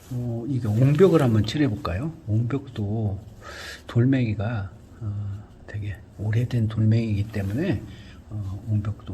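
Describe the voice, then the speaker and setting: A man giving a calm painting lesson, talking through each brushstroke and often dropping to a near whisper. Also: fairly low pitch, slight background noise. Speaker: art instructor. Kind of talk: painting tutorial narration.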